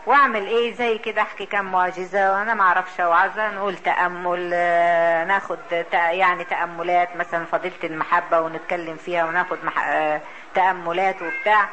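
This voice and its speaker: Egyptian woman, religious speaker, storytelling talk, bright and hesitant, light noise behind. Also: fairly low pitch, fairly even intonation, rough recording. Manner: halting, full of fillers, laughs often.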